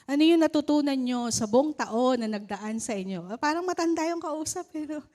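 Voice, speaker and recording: A woman's voice: high voice, expressive, brisk, mellow. A Filipino woman in her thirties giving a church testimony, telling her story with laughs and rising to cries of praise. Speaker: church speaker. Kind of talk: testimony sermon.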